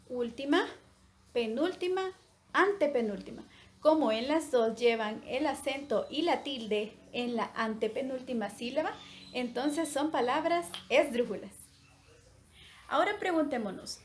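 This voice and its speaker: A woman teacher with a high voice takes her time through a recorded grammar lesson for children, sounding out each syllable with care. Her unhurried, clear delivery sits over a faint hiss of background noise. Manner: slow, clear, syllable-by-syllable explanation.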